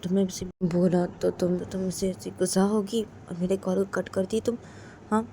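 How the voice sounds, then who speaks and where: A woman performing an intimate romantic role-play monologue, talking softly and coaxingly, often sinking to a whisper. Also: mid-range voice, fairly even intonation, moderate pace, slight background noise. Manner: soft, pleading and coaxing, often dropping to a whisper.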